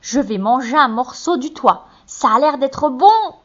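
Eager hungry little boy, voiced by a woman, high bright tone, slow delivery. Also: expressive, muffled recording, full character voice.

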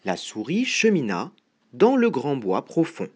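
A storyteller reading a rhyming children's storybook aloud, with expressive delivery. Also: medium pitch, a little slow.

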